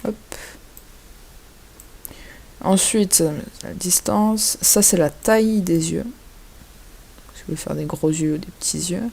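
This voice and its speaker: A man giving a casual, hesitant software tutorial over a screen recording, filling his pauses with little interjections. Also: sits high, vocal fry, breathy edge. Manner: hesitant, chatty, fills pauses with "hop" and "voilà".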